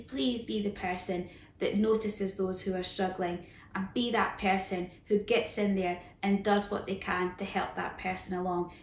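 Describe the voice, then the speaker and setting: A woman in her thirties giving an earnest, deliberate motivational school assembly talk, repeating phrases for emphasis. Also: medium pitch. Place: small living room, indoors on a sofa. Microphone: camera a few feet away. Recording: roomy, echoey, distant microphone.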